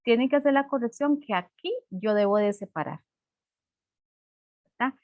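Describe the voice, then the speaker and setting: A woman's voice: fairly high pitch, animated, normal speed, darkish tone, slight background noise. A woman teacher giving a class, patiently explaining and checking in with "¿verdad?" often. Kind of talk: online class lesson.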